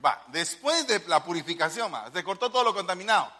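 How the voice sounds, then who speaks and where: Bright-voiced, animated male preacher. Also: sits high, brisk. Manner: animated, rhetorical questions to the congregation. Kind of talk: sermon.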